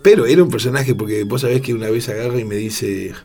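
A man with a Rioplatense Spanish accent, a record producer telling lively anecdotes in an interview and acting out the voices of the people he quotes. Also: medium pitch, fast talker, soft background music. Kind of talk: storytelling interview.

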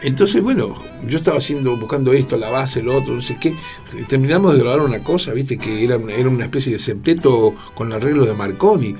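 This storytelling interview features a male record producer with a Rioplatense Spanish accent, brisk and medium-pitched, with soft music behind him. He relays lively anecdotes and imitates the voices of the people he quotes.

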